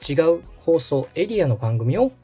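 A thirties-aged podcast host and radio director from Osaka, Japan, patiently and politely guides his guest through the basics one step at a time in an explanatory segment. His mellow, slightly husky voice moves with a lively rise and fall in pitch at a normal pace. Faint music sits underneath.

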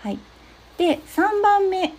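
A young woman hosting an advice talk, explaining steps gently with frequent soft agreeing fillers. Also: extremely high pitch, slow pace. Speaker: podcast host giving advice to therapists.

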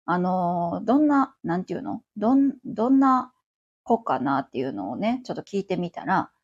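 A woman's voice: on the low side, very animated, moderate pace, husky, dull audio. A woman around forty with a Kansai accent, chatting on her own as host of a livestream radio show, rambling along with many fillers. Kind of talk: casual solo chat.

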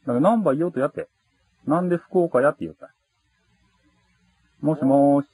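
A man with a Fukuoka accent on a phone call, calmly taunting and mocking the other caller with repeated insults. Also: fairly high pitch, fast, slightly rough, no room sound. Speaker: prank caller confronting a scammer.

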